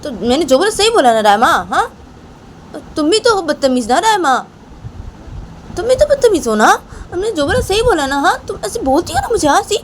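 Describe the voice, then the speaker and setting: A woman voicing a defensive young woman who pleads and coaxes her lover in a high, whiny voice, repeating "kya hai?". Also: big pitch swings, normal speed, a little hiss or hum, poor audio.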